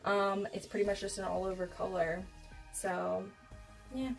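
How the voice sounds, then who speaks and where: Brief: young adult American woman, candid casual vlogger storyteller, middle-pitched, recorded at a distance with music behind. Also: monotone, a little slow, creaky. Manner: candid, giggly, swearing freely, acts out quoted dialogue. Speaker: beauty vlogger.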